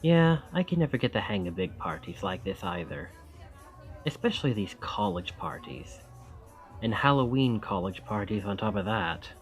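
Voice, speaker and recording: In an intimate ASMR roleplay, a man with a lowish, everyday-sounding voice plays a charming, friendly young college student. His manner is self-deprecating, thoughtful and wry.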